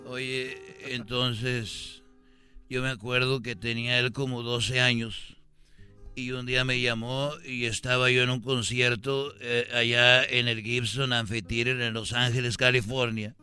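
A man telling a comic story about his family in a slow, deadpan way. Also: mid-range voice, clean tone, soft background music. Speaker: comedian telling an anecdote. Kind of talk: comedy sketch storytelling.

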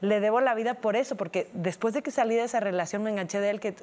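A woman's voice: mid-range voice, fast. Mexican woman on a podcast, chatty storyteller, does all the voices. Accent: Mexican Spanish. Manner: animated storyteller, acts out dialogue. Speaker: podcast co-host. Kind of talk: casual chat.

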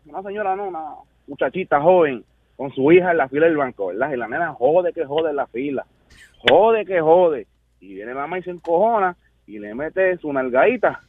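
A man with a Puerto Rican accent calls in and tells a story in a casual, animated way. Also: medium pitch, dry recording, phone-quality sound. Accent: Puerto Rican Spanish. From Puerto Rico. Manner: animated joke-telling, laughs as he tells it. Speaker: phone-in caller.

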